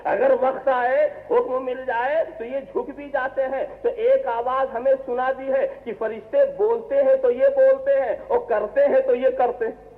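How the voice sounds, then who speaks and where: A man's voice: very high-pitched, steady tone. A man, a religious scholar, giving a sermon, asking the audience rhetorical questions and repeating phrases for emphasis. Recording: tinny, reverberant 1970s tape of a speech.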